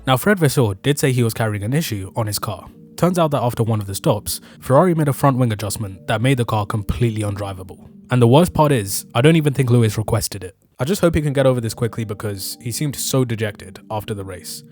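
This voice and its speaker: Man, medium-low pitch, scripted race review, casual slang, opinionated fan delivery, faint background music. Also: expressive, quick pace, hardly any pauses, a little mellow. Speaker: motorsport YouTuber reviewing a Formula One race.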